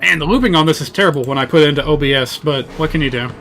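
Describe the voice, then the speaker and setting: A man streams a game with casual running commentary. His voice sits a little high, with a bright, sharp edge. He rambles in a wry, self-deprecating way. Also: very fast, a little hiss or hum.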